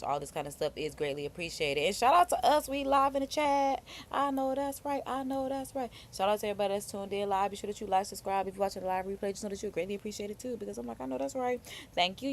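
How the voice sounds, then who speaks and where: An American woman hosting a casual live stream, reading viewer comments aloud and reacting with animated remarks. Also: medium pitch, slight background noise. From United States.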